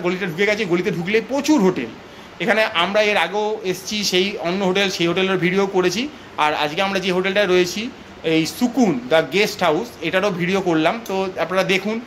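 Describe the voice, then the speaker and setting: A man's voice: high voice, a bit bright, a little hiss or hum. A man vlogging a walking tour of a guest house, chatting straight to viewers and listing each feature of the rooms. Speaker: travel vlogger. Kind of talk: walking hotel tour, casual chat to viewers.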